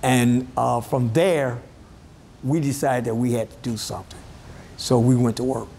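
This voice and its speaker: A man's voice: mid-range voice, fairly even intonation, a little slow, gravelly, mellow. An older man speaks emphatically and plainly as an advocate, interviewed outside in a neighborhood. There is a faint hum of outdoor ambience behind him. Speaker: community advocate. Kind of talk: news interview.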